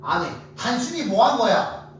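A man teaching English grammar to a class, drilling students with quick questions and lively explanations. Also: sits high. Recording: echoey classroom from far off, faint noise.

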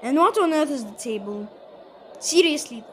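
A high-pitched woman rambles through casual gameplay commentary as her channel's host. She sounds exasperated and keeps addressing her viewers directly. A faint hiss sits under her voice. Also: animated, moderate pace, some chatter behind.

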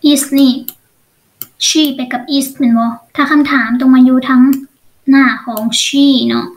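A female teacher with a high voice and a Lao accent leads an online English lesson at a very slow pace with fairly even intonation. She moves step by step, frequently asking short questions to check that the learner is following.

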